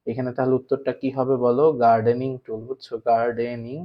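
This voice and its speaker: A man's voice: mid-range voice, level tone, fast. Bangladeshi guy teaching english to kids, asks then answers himself, kinda dull lo-fi sound, mid voice. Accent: Bangladeshi Bengali. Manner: asks students questions and answers them himself. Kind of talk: online class lecture. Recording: slightly dull lo-fi recording.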